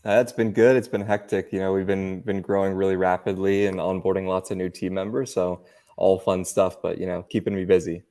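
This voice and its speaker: A man from San Francisco, interviewed as a guest in a webinar. His voice is low and mellow. He answers in a relaxed, measured way with easy fillers. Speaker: agency CEO, guest.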